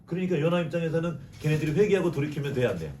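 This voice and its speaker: Korean man preaching in a lively style. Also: a little high, very fast, crowd noise. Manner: lively, acts out biblical characters' lines in a mocking tone. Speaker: preacher sharing a Bible reflection. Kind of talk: conversational sermon with questions to the congregation. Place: church sanctuary. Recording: distant mic with faint room noise.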